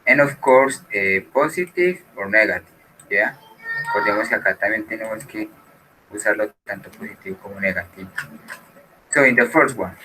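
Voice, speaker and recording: A man's voice: lowish voice, moderate pace, pushed and bright, slight background noise, low-quality recording. A man teaching an English class who explains patiently and switches between Spanish and English.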